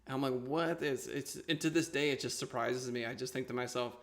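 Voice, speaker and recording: Casual male host with a creaky voice. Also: medium pitch, a little fast, fairly bright tone. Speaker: interview show host. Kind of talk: casual conversational storytelling and hosting.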